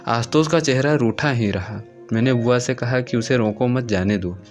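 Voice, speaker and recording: A man reading a literary short story aloud in the first person, in a measured, steady storytelling manner. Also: medium pitch, faint music behind. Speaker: story narrator.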